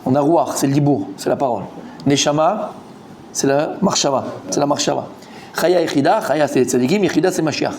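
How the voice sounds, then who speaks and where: Un homme rabbin qui donne un cours de Talmud animé, interroge ses élèves et répète ses mots en s'emportant. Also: male voice, fairly quick, a little hiss or hum. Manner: animated, quizzes the students, repeats words, rising pitch when excited. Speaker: rabbi teaching a Talmud class. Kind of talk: lively Torah class.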